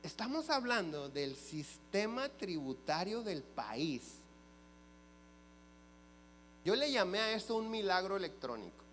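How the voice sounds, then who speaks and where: A man's voice: sits high, sing-song, unhurried, pauses often, fairly bright tone. A man preaching a sermon in a church. He tells stories animatedly, acts out the dialogue and puts questions to the congregation. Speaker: pastor. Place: church sanctuary. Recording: church hall reverb with faint mains hum.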